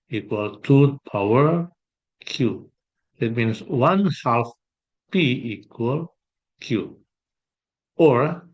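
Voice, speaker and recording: A man working through an exam problem as a math tutor, thinking aloud with pauses and fillers. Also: medium pitch, muffled recording. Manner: slow, hesitant, thinking aloud while sketching. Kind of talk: exam solution walkthrough.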